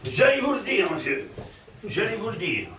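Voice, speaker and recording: A male stage actor playing a fussy, lecherous middle-aged provincial professor in a live farce, with theatrical, excitable delivery and chuckling asides to the audience. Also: high-pitched, normal speed, background noise. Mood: comic. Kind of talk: live stage comedy performance. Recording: roomy stage sound from a distant mic.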